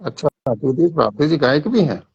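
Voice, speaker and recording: Gravelly, husky man telling a story. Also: fairly high pitch, animated, moderate pace, a little mellow. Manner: storytelling, acts out the dialogue. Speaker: channel host. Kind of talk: casual chat, telling a joke. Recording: muffled lo-fi audio.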